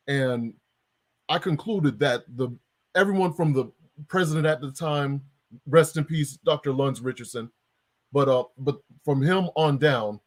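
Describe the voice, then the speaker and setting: A man hosting a conversational interview, speaking in a measured, wry and pointed way. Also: mid-range voice. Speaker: podcast host.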